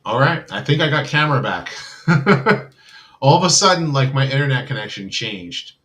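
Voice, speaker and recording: A livestream host chats casually with his viewers, rambling loosely and leaning hard on filler words. His medium-pitched voice is a bit bright, with lively intonation and a normal pace, picked up by a computer mic.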